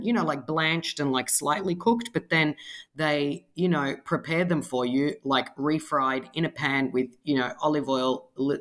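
A woman with an Australian accent, a cookbook author chatting in an interview, explaining dishes with lots of casual fillers. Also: very deep voice. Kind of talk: conversational interview.

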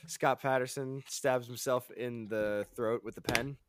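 A man's voice: mid-range voice, fairly even intonation, measured pace, background noise. A man co-hosting a casual chat, rambling, stuttering and laughing as he talks. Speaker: podcast co-host. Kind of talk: casual chat reviewing a show.

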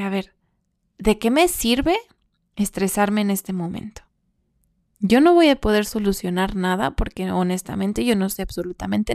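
A woman chats through a personal story, laughing often between phrases. She speaks in a middle pitch and acts out her own worried thoughts in little quoted bursts. The sound is close and dry, with no room around it. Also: gravelly, a little mellow, no echo. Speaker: vlogger.

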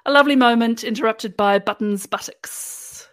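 A woman's voice: a little high, normal speed, fairly bright tone, no room sound. A woman hosting a podcast, walking through an episode in a playful, chatty storytelling way. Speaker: podcast host recapping episodes. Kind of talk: casual chat, episode recap.

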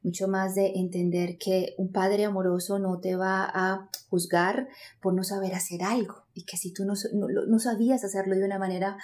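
Speaking as a spiritual coach in an interview, this woman has a Colombian accent and a mid-range, level, slightly mellow voice at normal speed. Her explanations come across as earnest, reflective and motivating.

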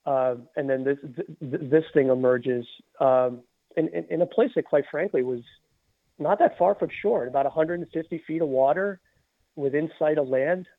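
A man talks as a podcast guest over a narrow, phone-like line. He tells casual anecdotes in a halting way, repeating words as he goes. The sound is dry, with no room to it. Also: on the high side, no echo.

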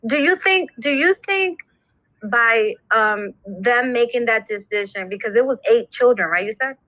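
A woman's voice: fairly high pitch, lively intonation, normal speed, no echo. A woman from Brooklyn hosting an interview, asking questions informally with fillers. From Brooklyn, New York. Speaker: podcast host. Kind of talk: casual interview chat. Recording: dry, dull lo-fi recording.

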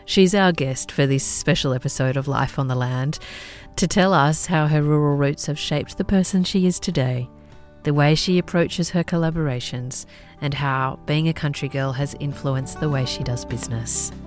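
A woman hosting a podcast, reading a smooth intro and asking relaxed questions. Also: low-pitched, normal speed, soft background music. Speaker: podcast host. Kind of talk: scripted intro then casual interview.

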